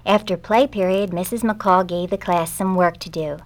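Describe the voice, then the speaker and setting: Woman gently reading a children's story. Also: lowish voice, steady tone, moderate pace.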